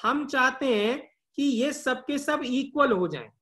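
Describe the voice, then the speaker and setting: A man's voice: extremely high pitch, expressive, a little slow, bright, forceful tone. A male chemistry teacher giving a live online class. He keeps asking questions and answering them himself, and drills key terms by repeating them.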